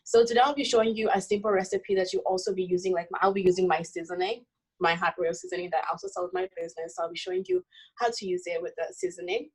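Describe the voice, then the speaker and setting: A woman's voice: on the low side, fast, slightly rough, low-quality recording. A young woman from the Congo, a university student, chatting casually as she demonstrates a recipe, with many "like" and "um" fillers. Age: young adult. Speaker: cooking guest.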